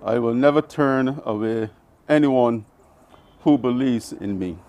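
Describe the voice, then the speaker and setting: A man reading burial prayers aloud in a solemn liturgical style, letting phrase ends fall away softly. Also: medium pitch, a little slow, muffled recording. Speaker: officiant.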